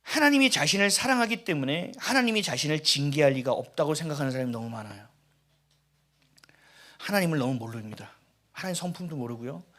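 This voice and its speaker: A man, a pastor, preaching a sermon and telling stories in an animated, conversational way. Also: on the high side, fast talker.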